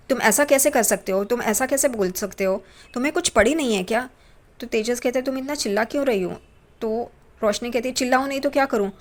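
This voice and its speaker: A woman casually retelling a TV serial episode, briefly voicing each character's lines. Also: medium pitch. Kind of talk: casual storytelling recap.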